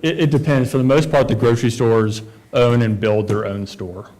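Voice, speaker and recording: A man's voice: medium pitch, steady tone, moderate pace, a little mellow. A man presenting as a developer at a town council meeting, talking casually with many fillers and restarts.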